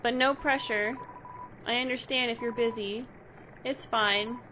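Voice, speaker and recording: A woman's voice: on the high side, steady tone, unhurried, noisy background, natural voice. A woman voicing a shy, apologetic ghost from a game, speaking in a timid, hesitant way. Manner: timid, hesitant, self-deprecating.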